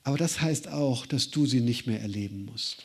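A man's voice: mid-range voice, normal speed, darkish tone, husky. A middle-aged man preaching a sermon in German, addressing the listener directly with rhetorical questions.

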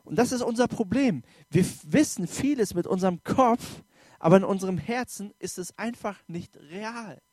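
A man preaching a sermon in German in an informal, direct way, rising loud for emphasis and dropping soft. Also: sits high, animated, moderate pace, no echo.

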